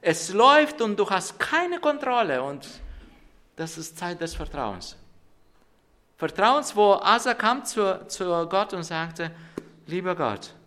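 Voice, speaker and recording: A man's voice: high voice, big pitch swings, slow pace, sharp tone. A man in preaching a sermon as a pastor, telling stories with hesitant fillers and restarts.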